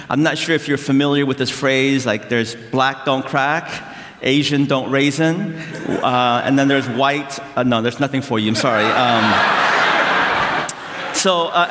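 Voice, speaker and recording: Speaking in a large hall whose long reverb makes every word echo, a South Korean-born pastor in middle age delivers a conversational sermon with gentle jokes at his own expense and thoughtful pauses. His voice is mid-range, and there is a little hiss or hum.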